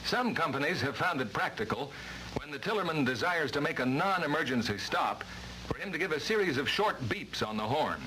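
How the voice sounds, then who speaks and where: A man's voice: fairly high pitch, expressive, brisk. An American man narrating a vintage 1950s-style instructional film from a script, with a formal, emphatic delivery. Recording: noisy vintage training film soundtrack.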